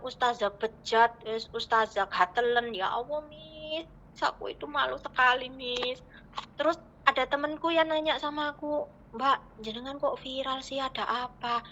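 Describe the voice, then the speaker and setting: Bright-voiced Javanese woman pouring out her story. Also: high-pitched, dull audio. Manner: earnest, addresses listener as Miss constantly. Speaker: caller telling her story. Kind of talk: emotional personal storytelling. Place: in Hong Kong.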